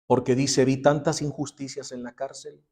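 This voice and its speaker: A man's voice: medium pitch, flat delivery, moderate pace. Man telling a story in a Bible class. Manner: dramatic retelling, dropping to a hushed voice for emotional lines.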